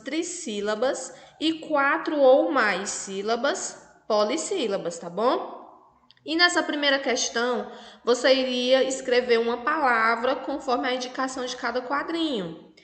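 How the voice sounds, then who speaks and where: A woman with a Brazilian Portuguese accent, a primary school teacher slowly and patiently explaining a lesson to children. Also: high voice, a bit bright. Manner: patient, spells out syllables, asks checking questions. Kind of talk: slow remote lesson for children. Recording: echoey room with long reverb.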